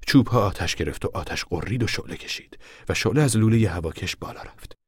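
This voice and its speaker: A man giving scripted narration for a radio drama in a measured, steady way. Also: low-pitched, husky, no room sound.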